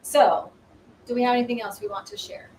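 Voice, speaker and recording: A woman hosting a spiritual talk show, speaking in a warm, encouraging and preaching way. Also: a little high, fairly quick, echoey room. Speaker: host. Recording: distant mic, faint noise.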